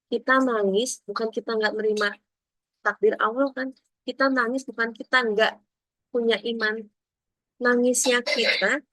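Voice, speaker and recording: A woman giving a casual, conversational religious talk in a gentle manner. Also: on the high side, no room sound. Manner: gentle, conversational, acts out quoted inner voices. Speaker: Islamic speaker.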